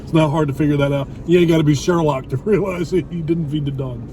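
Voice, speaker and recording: Fast-talking and steady in tone, a fairly high-voiced middle-aged man shares blunt opinions, swearing lightly, in a casual chat with his wife over a meal for his vlog. The microphone is distant, and loud traffic and car noise come through.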